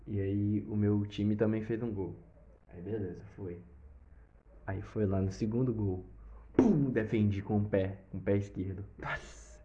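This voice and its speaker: A young man with a Brazilian accent telling a personal story in a casual, animated way, with sound effects and swearing. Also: on the low side, measured pace. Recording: slightly dull lo-fi recording.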